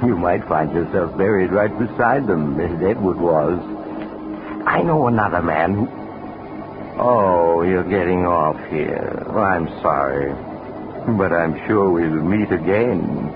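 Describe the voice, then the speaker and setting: An actor playing a sinister yet genial train traveler who hosts a 1940s radio mystery, speaking in a sly, chummy, insinuating way. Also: male voice, deep voice, takes it slowly. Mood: sly, genial menace. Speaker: host narrator. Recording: lo-fi 1940s radio recording, background noise.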